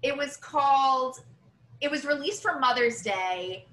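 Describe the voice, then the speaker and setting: A bright-voiced woman co-hosting a chatty podcast, higher than most, with an easy giggle and loose asides. The room is echoey and roomy around her. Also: animated, measured pace. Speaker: podcast co-host. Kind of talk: casual chat.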